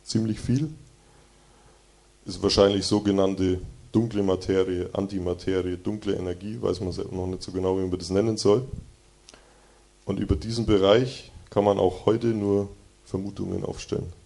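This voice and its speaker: A man with a low, gravelly voice gives a sermon in a church hall. His tone is dark and mellow. He talks earnestly and conversationally, and he reads the Bible verses with more force. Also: level tone, normal speed. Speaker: preacher giving a devotion. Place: church hall with slide projection.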